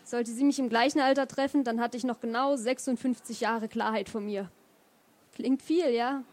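A woman reading a novel aloud in first person, pausing to add hesitant comments between chapters. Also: a little high, fairly even intonation, darkish tone. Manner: hesitant fillers when talking freely. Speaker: reader of a novel.

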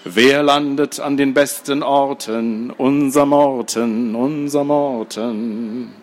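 A man reading a children's story aloud, singing as a cheerful pilot in a slow, drawn-out sing-song. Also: mid-range voice, steady tone, lightly acted. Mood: crooning.

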